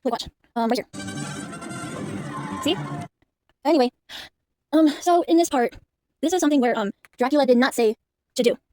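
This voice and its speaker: A woman's voice: sits high, normal speed, pauses often, warm tone, no room sound, clean studio sound, faint music behind. A young woman giving casual movie commentary in a rambling way, full of fillers and restarts. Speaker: movie reaction vlogger.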